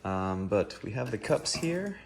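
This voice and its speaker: A man with a fairly deep voice walks through a do-it-yourself project. He talks casually, like a hobbyist showing his work. Background noise is clearly audible in the recording. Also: very animated, measured pace. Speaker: hobbyist maker and vendor showing a DIY build. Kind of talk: casual spoken build walkthrough.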